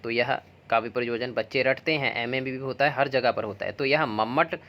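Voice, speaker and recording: A man's voice: medium pitch, steady tone, fairly quick, lo-fi sound. A man teaching an exam preparation lesson, explaining points patiently with mnemonics and examples. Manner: explanatory, uses mnemonics and stories. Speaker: Hindi exam coaching teacher. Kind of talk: classroom-style exam prep lesson.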